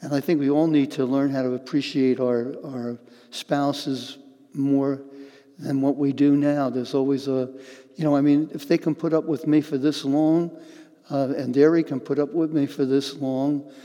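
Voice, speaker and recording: An older man preaching a sermon as pastor, earnest and halting, often repeating words as he goes. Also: medium pitch, flat delivery, mellow, in a large hall.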